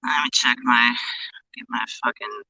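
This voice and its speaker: Woman, low sample rate robotic internet mic, tunnel-like muffled sound, blunt and profane, dry sound. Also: normal speed, bright, forceful tone, no echo. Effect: glitchy low sample rate internet mic, robotic and tunnel-like. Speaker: guest. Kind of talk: casual conversation. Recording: muffled, robotic online call audio.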